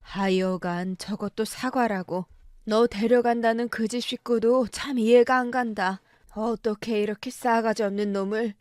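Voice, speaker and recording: A drunk, bullying middle-aged husband snaps and shouts with bitter scorn in a story radio drama, as a woman puts him on. The sound is dry and close. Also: on the high side, fairly even intonation, measured pace, no room sound, close to an everyday voice. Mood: scornful.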